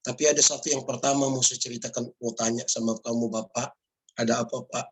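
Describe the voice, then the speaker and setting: A man's voice: mid-range voice, fairly even intonation, fast talker, husky, rough recording. A male pastor giving a storytelling sermon, often addressing listeners as "my brothers and sisters".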